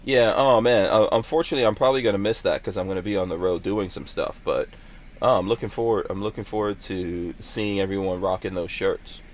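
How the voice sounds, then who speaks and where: A man's voice: low-pitched, brisk. A middle-aged man from Guyana hosting a podcast in casual chat, joking and laughing often. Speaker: podcast host.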